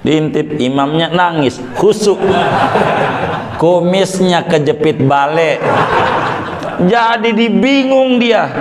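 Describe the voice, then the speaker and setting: A man teaching a weekly religious law lesson in a lively, joking way, acting out worshippers. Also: on the high side. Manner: lively, jokey, acts out worshippers. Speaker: Islamic teacher. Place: prayer room. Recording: echoey prayer room.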